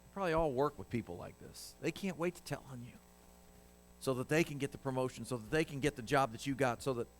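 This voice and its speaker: A man's voice: medium pitch, fast talker, a little hiss or hum. A man preaching a sermon in a church, conversational and emphatic, often asking the congregation questions. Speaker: pastor.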